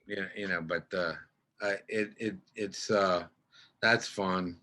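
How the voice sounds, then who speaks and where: A man's voice: sits low, fairly even intonation, takes it slowly, bright, forceful tone. An older male actor, a podcast guest, telling stories in a casual, rambling way with many restarts.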